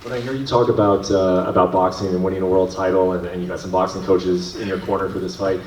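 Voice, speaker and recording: A male reporter putting questions at a press conference, building them haltingly piece by piece. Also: sits low, flat delivery, a little mellow. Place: large indoor press conference room. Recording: distant, echoey room with faint noise.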